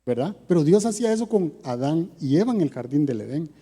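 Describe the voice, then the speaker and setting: Conversational preacher in a reverberant church. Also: male voice, on the high side, sing-song, brisk, warm tone, slightly rough. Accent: Costa Rican. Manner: conversational preaching with rhetorical questions. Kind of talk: sermon.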